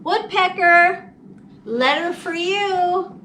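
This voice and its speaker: A woman puts on an exaggerated, very high-pitched voice well above her natural range, speaking very slowly with a bright, forceful tone. She is playing a shy, kindly old storybook mailman who calls out in short, polite singsong phrases. The recording comes from a distant mic with faint background noise.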